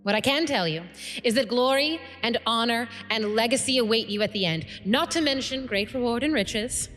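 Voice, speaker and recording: A woman's voice: on the high side, normal speed, a bit bright, pitched above the performer's own voice, lightly acted. A woman voicing a grand female guild leader who gives a ceremonious, commanding speech in a tabletop game. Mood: rousing. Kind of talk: tabletop game role-play. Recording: long reverb, faint music behind.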